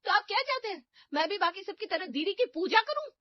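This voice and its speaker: A woman voicing a jealous, touchy young daughter-in-law in a cartoon, talking fast and sulkily. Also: sits high, dry recording, natural voice. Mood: angry. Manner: quick, sulky, quarrelsome. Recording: dull lo-fi dry recording.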